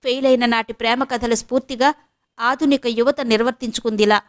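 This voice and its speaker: A woman's voice: a little high, steady tone, a little fast, close to an everyday voice. A woman reading an audio novel, voicing a blunt young friend who scolds and needles, in a raised, firm voice. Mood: lecturing. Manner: firm, cutting, lecturing.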